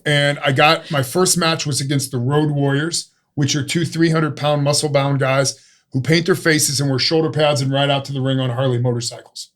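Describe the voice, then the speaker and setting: A man's voice: on the high side, fairly even intonation, moderate pace, a bit bright. A man in his fifties from Ohio with an Ohio accent, a stuntman and actor telling stories as a guest in a casual interview, joking and self-mocking. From Ohio, USA. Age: 50s. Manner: jokey, self-mocking storyteller.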